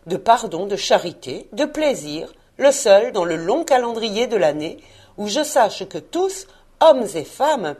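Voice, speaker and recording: A woman voicing a cheerful, earnest young man who pleads warmly and eagerly. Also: mid-range voice.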